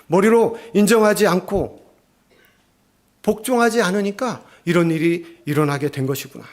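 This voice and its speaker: A middle-aged male pastor preaching a sermon, telling a family story and acting out the quotes. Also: on the high side. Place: church sanctuary.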